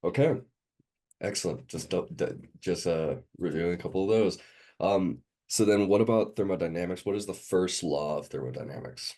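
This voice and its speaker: A man's voice: sits low, normal speed, dark tone. A sick, sniffly man tutoring a student one on one, hesitant with many ums as he quizzes them.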